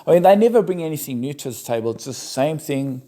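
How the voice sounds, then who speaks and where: A man's voice: on the high side, animated, quick pace, warm tone. A young man from the West with a Turkish background, giving argumentative, sarcastic rebuttal commentary. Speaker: religious commentator.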